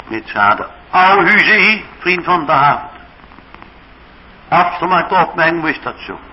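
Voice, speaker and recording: Slow, lively Dutch preacher, lo-fi. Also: male voice, medium pitch. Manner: dramatic preaching, acting out biblical speech. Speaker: pastor. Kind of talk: sermon. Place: church.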